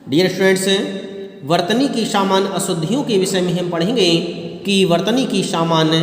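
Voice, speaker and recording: Male teacher, high voice, deliberate word-by-word delivery, roomy echo with long reverb. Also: a little hiss or hum. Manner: slow, deliberate, repeats each word for emphasis. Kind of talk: recorded grammar lesson. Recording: echoey room with long reverb.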